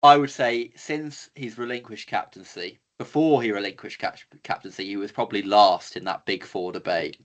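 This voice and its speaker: Low-voiced, cheeky young man. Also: steady tone, moderate pace, hardly any pauses. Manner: confident, cheeky, opinionated banter. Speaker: co-host. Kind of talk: casual chat.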